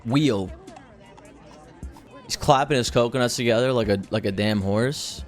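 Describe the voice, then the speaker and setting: A man's voice: medium pitch, measured pace, soft background music, some chatter behind. A man in his twenties telling a story to a chat in a casual, slangy, conversational way. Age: 20s. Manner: conversational, slangy, acts out quoted dialogue.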